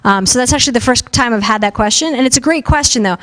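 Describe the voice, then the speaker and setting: A young woman giving a casual live talk at a conference, loud and talkative, with lots of fillers. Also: a little high, fast. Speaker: conference speaker on podcasting. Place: conference room with a live audience.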